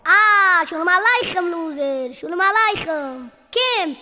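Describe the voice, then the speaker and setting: A woman's voice: very high voice, expressive, a little slow, sharp tone, long reverb tail, heavily acted. A woman voicing an eager, caring young camp girl who fusses over a guest.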